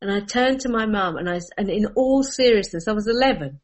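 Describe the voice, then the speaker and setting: A woman's voice: medium pitch, fairly quick. A woman, telling funny stories in a casual chat and laughing often as she talks. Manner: animated storyteller, laughing through anecdotes.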